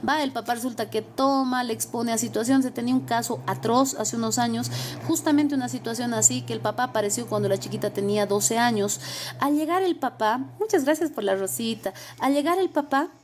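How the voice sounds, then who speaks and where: A woman's voice: fairly high pitch, brisk, slight background noise. A young adult woman lawyer, giving emphatic, repetitive advice. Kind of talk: advice talk.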